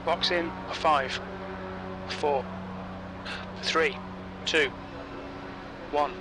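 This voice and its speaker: A man acting as crew chief, giving terse pit radio calls in clipped, flat instructions. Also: fairly high pitch, drawn-out words. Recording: loud race car engine noise. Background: race car engine roar.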